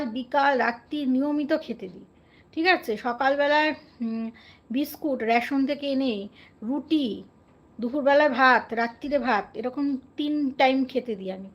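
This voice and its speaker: A woman's voice: high-pitched, moderate pace, highs cut off. A woman from West Bengal chatting casually and earnestly with viewers on a live stream, often asking them questions.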